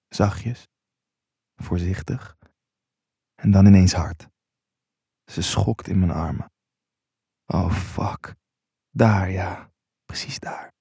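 A man narrating an intimate first-person erotic story in a low, unhurried voice. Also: vocal fry, warm tone, husky, no room sound, clean studio sound.

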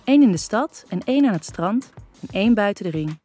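A woman narrating a first-person novel in a calm, even reading voice. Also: mid-range voice, fairly quick, faint music behind. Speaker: audiobook narrator.

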